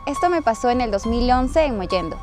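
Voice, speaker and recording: A woman's voice: a little high, expressive, a little fast, over music. A young woman telling a personal paranormal story, hesitant and full of fillers, acting out quoted dialogue. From Peru. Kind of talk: casual spoken storytelling.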